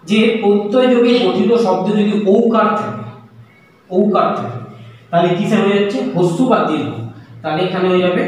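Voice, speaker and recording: A man's voice: high voice, darkish tone. A man teaching a grammar lesson. He goes patiently step by step, repeating each step and asking and answering his own questions. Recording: echoey room, far from the mic, faint hum.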